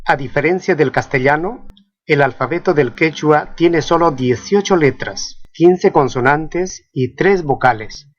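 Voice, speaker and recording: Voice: mid-range voice, unhurried, highs cut off. A teacher giving a scripted pronunciation lesson, carefully spelling out sounds and repeating each example word. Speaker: language teacher.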